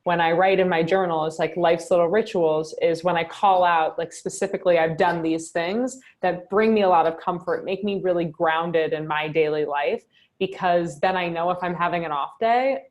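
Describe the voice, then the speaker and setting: On a video call, a woman with a lowish voice guides a journaling workshop in reflection. She talks at a normal speed, upbeat and chatty, frequently tacking on "right?".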